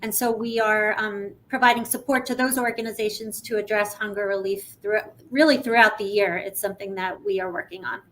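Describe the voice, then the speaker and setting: A woman guest explaining her organization's work in a measured, steady way over a video call. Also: mid-range voice, poor audio. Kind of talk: informative explanation.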